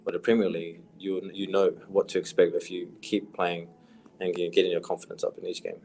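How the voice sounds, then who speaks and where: Deep-voiced young New Zealand man. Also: monotone, fairly quick, vocal fry, a little mellow, breathy edge. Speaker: professional footballer guest. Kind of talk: casual podcast interview.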